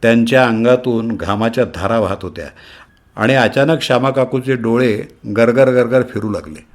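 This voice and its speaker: Male storyteller, expressive comic reading. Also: mid-range voice, moderate pace.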